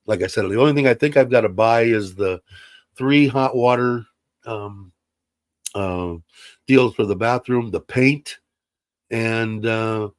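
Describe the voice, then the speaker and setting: During a casual livestream from his computer, this host rambles and fills his talk with fillers, his lowish voice sounding slightly congested. The computer mic recording has studio quality with no room sound.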